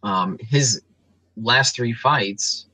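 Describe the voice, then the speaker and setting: A man's voice: medium pitch, extremely slow, bright, forceful tone, breathy edge, dry recording, rough recording. A man co-hosting a casual sports podcast, breaking down fighters and records in detail with frequent ums and restarts. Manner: analytical, reels off stats with frequent ums.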